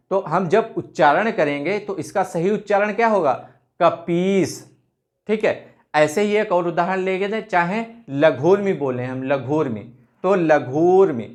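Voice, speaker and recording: Guy teaching grammar at the board, voice sits a bit high, keeps asking and answering his own questions. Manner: repeats rhetorical questions and answers them; draws out vowels in example words. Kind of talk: whiteboard grammar lesson.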